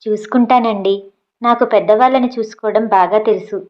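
A woman reading as a shy, gentle young woman. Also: a little high, fairly even intonation, a little fast, close to an everyday voice. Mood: pleading. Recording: dull lo-fi audio.

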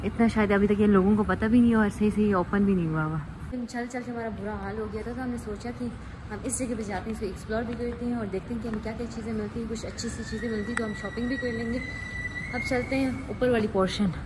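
A woman's voice: fairly high pitch, fairly even intonation, fast. A young woman talking casually into a phone held at arm's length as she walks through city streets and then a shopping mall. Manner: chatty, walking and talking to a handheld camera. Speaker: vlogger. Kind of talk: casual vlog narration. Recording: loud city street noise.

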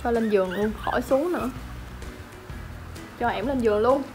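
A woman chats at home in a somewhat high voice, doting and chatty, slipping into baby talk. Music plays clearly under her voice. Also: normal speed, darkish tone. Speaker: pet vlogger. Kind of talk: casual vlog narration.

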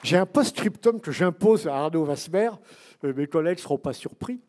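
A man's voice: a little high, expressive, fairly quick, darkish tone, some chatter behind, slight background noise. A man who is one of a book's authors, answering an audience question at a public talk, digressive with wry asides and many fillers.

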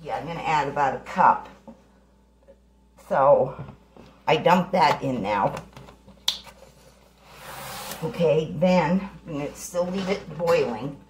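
Speaking slowly with long pauses, a middle-aged woman with a deep, somewhat dark voice guides viewers through a recipe in a homey, casual cooking demo for her channel. A camera sitting on the counter records her echoey kitchen, where pots clatter faintly amid slight background noise.

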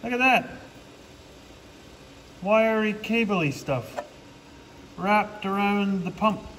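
A man's voice: sits high, takes it slowly, fairly bright tone, long reverb tail, slight background noise. A man, a farmer doing his own repairs, talking casually through the job in a plainspoken way with dry sarcastic humor, recorded in a farm workshop. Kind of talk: casual how-to vlog narration.

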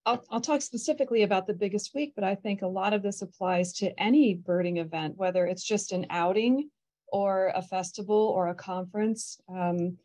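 A middle-aged woman speaks over a video call in a mellow, warm voice. She is a birding festival organizer, and she talks fluently and earnestly in a friendly panel format. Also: medium pitch, moderate pace. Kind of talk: casual panel discussion.

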